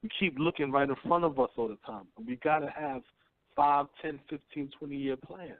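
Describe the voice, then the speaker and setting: Tinny phone-line audio carries a fairly high-pitched man in his thirties speaking at normal speed with no room sound. As host of a call-in radio show, he chats casually but bluntly and profanely, preaching and repeatedly asking "you know what I'm saying."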